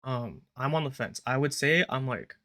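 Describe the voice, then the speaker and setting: Bright-voiced young male podcast host. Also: mid-range voice, moderate pace. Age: young adult. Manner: relaxed, rambling, filler-heavy, recites a prayer. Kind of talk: casual podcast chat.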